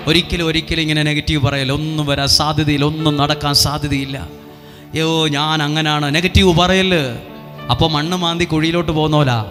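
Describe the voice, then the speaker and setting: Bright-voiced preacher in an echoing hall. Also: male voice, a little high, steady tone, brisk, soft background music. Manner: repetitive, coaxing, leads the crowd in responses. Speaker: priest leading a retreat. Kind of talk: revival sermon with call and response. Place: retreat centre hall.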